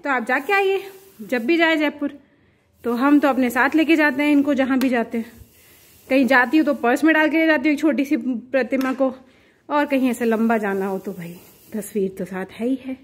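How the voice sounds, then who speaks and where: At home, a young woman from Jaipur, India, chats casually in her vlog, playful and teasing with plenty of laughs. Her high-pitched voice moves at a moderate pace.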